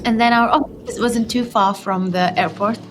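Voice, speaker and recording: A woman's voice: on the high side, fairly even intonation, moderate pace, music in the background. A woman from Yemen, an aid worker, recounting her experiences in a hesitant, reflective way with many fillers and restarts.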